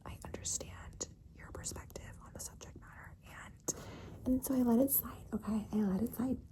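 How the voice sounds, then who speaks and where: A woman whispers as a doting, flirtatious teacher in an ASMR role-play, lightly acted, soft, breathy and creaky, as though confiding a secret, with a reassuring, conspiratorial mood. Her voice is a little high with fairly even intonation, and she often pauses to seek agreement.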